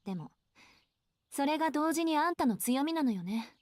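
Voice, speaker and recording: A blunt, sharp-tongued young woman. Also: high-pitched, animated, fast, no room sound, clean studio sound. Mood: parting. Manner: curt, scolding. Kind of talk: anime game voice acting.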